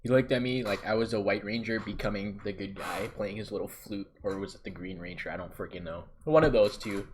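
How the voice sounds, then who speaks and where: A man telling a comic tale in a boastful, exaggerated way, swinging between loud bursts and mutters. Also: fairly low pitch, little pitch movement, a little fast, hardly any pauses, slight background noise. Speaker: vlogger. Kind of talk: comedic storytelling.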